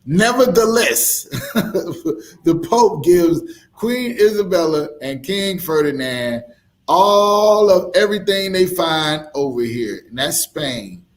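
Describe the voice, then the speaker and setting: A man teaching as a street preacher, emphatic and full of rhetorical questions, with laughing asides. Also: on the high side.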